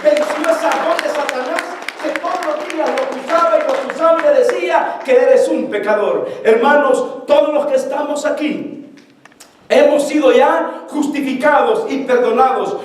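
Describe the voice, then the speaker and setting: A man's voice: extremely high pitch, moderate pace, a little hiss or hum. A male pastor preaching a sermon to his congregation with fervor, repeating phrases for emphasis. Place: church sanctuary. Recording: very echoey church, mic far off.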